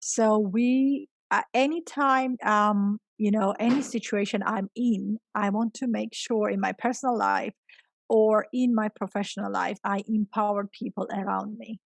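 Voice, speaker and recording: Unhurried and steady in tone, a middle-aged woman whose first language is Georgian speaks as a guest in an interview, drawing on her experience as an English teacher. Her medium-pitched voice carries a gravelly creak as she emphasizes and repeats key points, captured close up with no echo.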